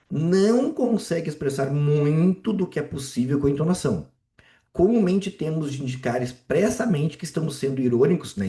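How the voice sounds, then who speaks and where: Male Portuguese teacher, mid pitch, dark mellow tone, echoey video-call sound, casual live class. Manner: casual, checks in with students often. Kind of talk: live online exam walkthrough.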